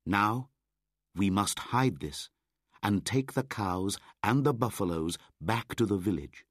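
Brief: brave wild boy played by a male narrator, strained high voice, proud and commanding. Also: animated, slow, no echo, studio quality. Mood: firm. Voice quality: raised, ringing shouts. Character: bold young jungle boy, fierce, triumphant. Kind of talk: audiobook character voice.

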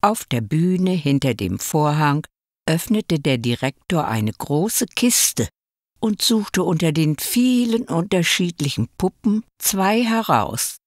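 A woman reading a fairy tale aloud in a calm, expressive way, close to the mic. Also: deep voice, slow, no room sound. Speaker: storyteller.

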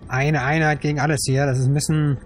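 A man's voice: a little high, little pitch movement, quick pace. A middle-aged man giving casual live let's play commentary, muttering short remarks to himself over game music. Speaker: streamer playing a strategy game. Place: indoor room, webcam stream.

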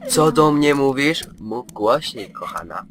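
A man's voice: medium pitch, animated, measured pace, noisy background. A man commenting on his own play of a horror game, joking and chatting to the game's characters in a mock-soothing way. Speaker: gameplay commentator.

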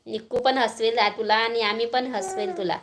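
A woman's voice: a little high, fairly even intonation, moderate pace, a little hiss or hum. A woman with a Marathi accent chatting casually on a live stream at home, greeting viewers by name and coaxing a small child.

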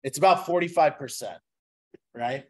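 A man's voice: a little high, moderate pace, a little mellow, slightly rough. A man giving an investment presentation to a live audience, engaging and chatty, constantly asking the crowd questions. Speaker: guest speaker, investment presenter. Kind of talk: interactive sales presentation. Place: event venue with a live audience.

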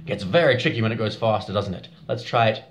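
A man teaching a vocal warm-up for children, giving short encouraging prompts and singing examples. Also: fairly low pitch, expressive, fast talker, over music.

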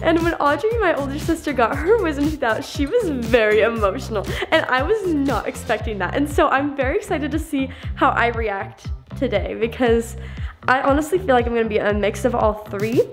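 High-voiced young woman, casual vlogger. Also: expressive, a little fast, soft background music. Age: teens to young adult. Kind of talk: casual vlog chat to camera.

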